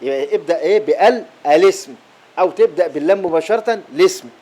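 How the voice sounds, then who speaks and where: A man with an Egyptian Arabic accent teaching Quran recitation in a class, explaining rules and chanting verse fragments, often repeating a word slowly. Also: sits high, lively intonation, dark tone. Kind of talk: classroom lesson on recitation readings. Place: lecture hall at an Islamic boarding school.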